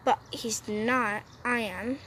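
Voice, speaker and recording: A woman's voice: a little high, steady tone, takes it slowly, pushed and bright, slight background noise. A woman giving casual, playful commentary to her viewers while playing a mobile game, sitting outdoors on a roof. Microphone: phone.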